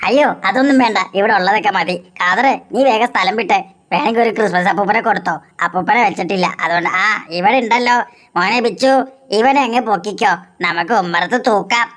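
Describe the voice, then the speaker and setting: A woman's voice: mid-range voice, fast talker, a bit bright, natural voice. A woman voicing a grumbling, comic uncle. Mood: scolding. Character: grumbling uncle Gopa, a man.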